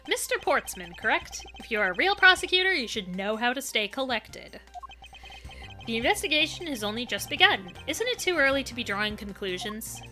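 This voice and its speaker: A woman voicing a calm, formal male prosecutor in a game playthrough, pitching her voice lower and keeping it measured. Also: soft background music. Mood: composed.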